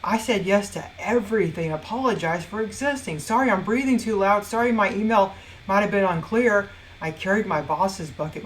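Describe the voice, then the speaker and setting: A woman in her forties tells her own story on stage as a motivational speaker. Her voice sits at a middle pitch, and her wry, self-mocking humor swings into dramatic bursts. A faint hiss runs underneath. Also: rough recording. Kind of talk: personal storytelling talk.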